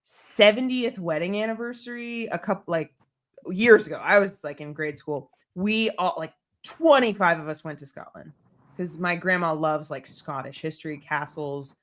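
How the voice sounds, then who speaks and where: A woman's voice: lowish voice, moderate pace. A woman hosting a casual sports podcast, telling a rambling story with lots of fillers. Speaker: podcast host.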